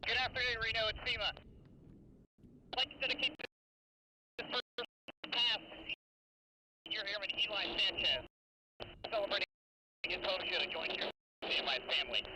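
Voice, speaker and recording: A man's voice: high voice, brisk, pauses often. A man, a military pilot, addressing an airshow crowd in a short speech over cockpit radio. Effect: cockpit radio transmission. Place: inside a fighter jet cockpit. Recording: harsh cockpit radio with faint aircraft noise.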